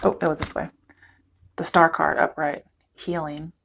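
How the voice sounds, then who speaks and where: A woman's voice: low-pitched, little pitch movement, normal speed, a bit bright, slight background noise. A woman giving a casual, chatty tarot reading to her viewers, thinking aloud as she goes, her voice cracking at times. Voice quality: voice cracking, throat clearing. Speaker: tarot reader.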